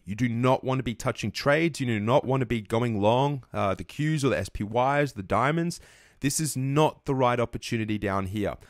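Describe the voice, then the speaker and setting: A man's voice: medium pitch, no room sound, clean studio sound. Earnest man explaining market charts. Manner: earnest, repeats himself, restarts and corrects mid-sentence. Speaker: trading educator. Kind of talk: market analysis over charts.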